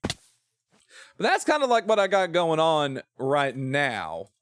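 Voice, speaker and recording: A game streamer from the southern-adjacent United States chats casually on a livestream while playing a building game, thinking aloud and rambling. His fairly high, fairly bright voice swings hugely in pitch at a slow pace, with a little hiss or hum in the audio.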